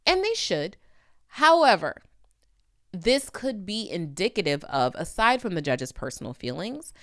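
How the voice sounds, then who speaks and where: Her voice sits lowish, slightly bright, with a clear and resonant tone. She runs a video channel where she offers legal commentary, speaking to the viewer conversationally and with emphatic, opinionated conviction.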